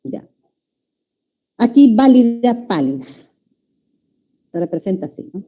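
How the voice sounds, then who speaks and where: A woman's voice: mid-range voice, expressive, unhurried, mellow. A woman with a Peruvian Spanish accent teaching a university-prep language class, explaining step by step and checking in with her students.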